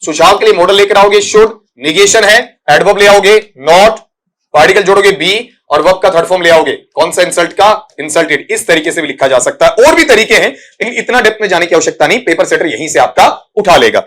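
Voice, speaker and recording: A man's voice: high-pitched, lively intonation, fairly quick, a bit bright. A man teaching an exam-prep English lesson, patiently answering student questions while writing out examples and addressing students affectionately. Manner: patient, repetitive, addresses students as "beta" and "bachcha".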